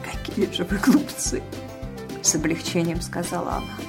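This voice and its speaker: A woman voicing a feisty, sharp-tongued old woman who exclaims loudly. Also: fairly low pitch, fairly even intonation, moderate pace, music in the background, close to an everyday voice. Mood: exultant. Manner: loud and exclaiming.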